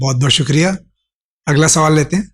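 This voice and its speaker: A man's voice: on the high side, a bit bright, slightly rough. A man anchoring a religious call-in show, with brief affirming interjections.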